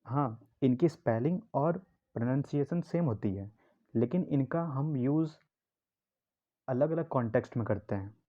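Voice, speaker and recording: A man's voice: mid-range voice, expressive, a little slow, phone-quality sound. A man teaching vocabulary in a classroom style, asking his own questions and repeating key words to explain them. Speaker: English teacher.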